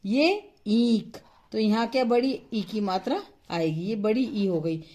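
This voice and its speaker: A woman's voice: mid-range voice, lively intonation, mellow. A woman teaching how to write and pronounce vowels, asking questions and answering them herself, and stretching the sounds to show them. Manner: slow, patient, asks questions then answers them; stretches vowels to model pronunciation. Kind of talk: instructional lesson.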